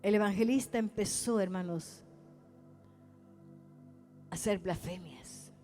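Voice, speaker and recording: A woman's voice: mid-range voice, slow pace, a little mellow, soft background music. A woman evangelist preaching a testimony sermon, acting out dialogue and calling her listeners brothers. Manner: storytelling, addresses listeners as brothers, acts out dialogue.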